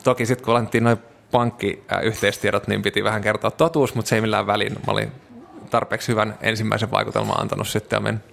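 A man's voice: on the low side, gravelly, few pauses. A Finnish man, an interview guest, telling travel stories casually with many fillers. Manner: relaxed storytelling with frequent fillers.

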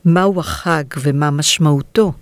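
A woman's voice: low voice, no echo. A woman hosting a radio interview, putting questions to a guest in a broadcast style.

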